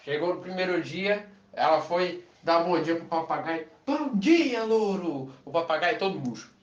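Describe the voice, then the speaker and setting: A man telling a humorous story in a chatty way, often tagging his sentences with quick questions. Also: a little high, fairly even intonation, fairly bright tone. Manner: chatty, with frequent tag questions. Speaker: lay preacher telling an anecdote. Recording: echoey, distant, dull sound.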